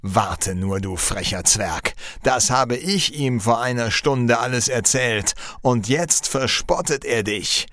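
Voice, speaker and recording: A man's voice: mid-range voice, takes it slowly, few pauses, bright, forceful tone, no echo. A man voicing an angry shoemaker who threatens a dwarf, in a storybook reading. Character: angry male shoemaker, middle-aged.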